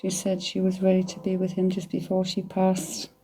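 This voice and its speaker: A woman, giving a medium's spirit reading in a chatty, halting way, often hedging with "I feel". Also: fairly low pitch, completely flat delivery, warm tone.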